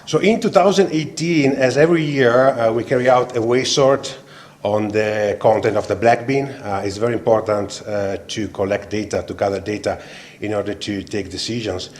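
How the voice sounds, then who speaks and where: Low-voiced man presenting to council. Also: moderate pace, a little mellow. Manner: hesitant, many fillers. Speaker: town staff presenter. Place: council chamber.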